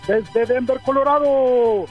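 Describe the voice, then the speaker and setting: Very high-voiced man doing mock radio ads. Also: slow pace, dull audio, soft background music. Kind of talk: mock radio commercial delivery.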